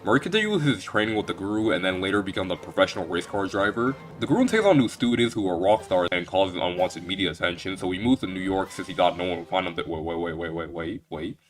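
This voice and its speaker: A man's voice: low voice, expressive, fast, few pauses. A young man giving a casual video game retrospective, rambling and joking with lots of restarts.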